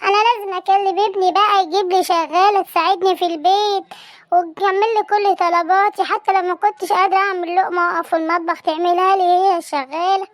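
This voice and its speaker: A young woman with an Egyptian Arabic accent voices a lonely, frail old grandmother in an amateur skit, pleading mournfully and calling everyone "my dear." Her voice is extremely high-pitched, steady in tone and fast, with no room sound.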